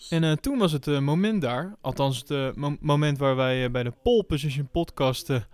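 A man hosting a podcast in casual chat, halting with frequent fillers. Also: a little high, a little mellow, smooth, no room sound. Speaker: podcast host. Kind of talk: casual chat about motor racing.

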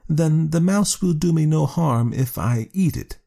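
A man voicing a proud, independent cat in a storybook reading, in a measured, formal cadence. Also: a little high, expressive, creaky, dark tone, voice pushed up, exaggerated voice. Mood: sly. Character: aloof male cat, sly and self-satisfied.

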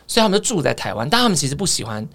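Taiwanese mandarin woman, quick lively storytelling, lowish voice. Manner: animated storytelling. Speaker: podcast co-host. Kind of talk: casual chat.

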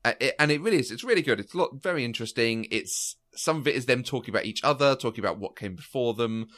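A man's voice: medium pitch, quick pace. A man co-hosting a podcast, chatting casually and telling stories with lots of fillers and restarts. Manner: chatty, animated storytelling with frequent fillers and restarts. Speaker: podcast co-host. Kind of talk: casual chat.

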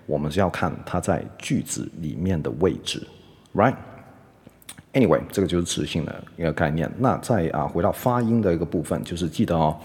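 A man's voice: low voice, normal speed, darkish tone, in a large hall. A man hosting a casual podcast lesson on English words, explaining in a chatty way and dropping English fillers like "OK" and "anyway" between his sentences. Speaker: English teacher podcast host.

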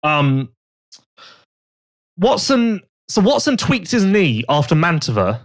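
Animated man telling stories. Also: high-pitched, slow pace. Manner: gossipy, animated storytelling with put-on quoted voices. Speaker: podcast host. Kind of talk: casual chat.

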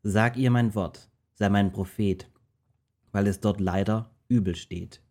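A man's voice: lowish voice, fairly even intonation, unhurried, darkish tone. A man reading God's commanding voice. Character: God, calm commanding divine voice. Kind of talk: storybook reading in rhyme.

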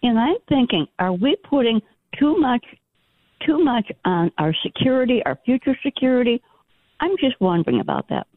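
A woman from Illinois with a gravelly voice calls in over the phone, earnest as she quotes scripture and raises her concern. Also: a little high, wildly swooping pitch, normal speed, no echo. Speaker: caller. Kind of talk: call-in radio question. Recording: tinny phone line.

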